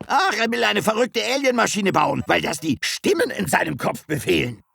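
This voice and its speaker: A man's voice: sits high, very animated, moderate pace, vocal fry, very noisy, heavily acted. A man voicing a fussy cartoon inventor who explains his machines with grand exasperation. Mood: exasperated.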